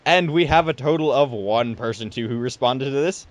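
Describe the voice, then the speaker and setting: A man's voice: mid-range voice, moderate pace. A young man hosting a casual gaming podcast, joking and stumbling over his words. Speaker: podcast host.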